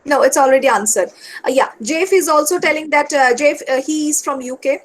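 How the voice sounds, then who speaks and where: A woman hosting a webinar over a video call, full of fillers and warm praise. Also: sits high, fairly quick, slight background noise. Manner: hesitant, many fillers and restarts, effusive praise. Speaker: webinar host. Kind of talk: casual webinar moderation.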